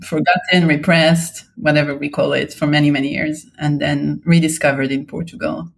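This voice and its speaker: Her low voice is steady and carries vocal fry as this Israeli guest artist responds to interview questions. She is thoughtful and hesitant, her answers broken by many pauses and ums.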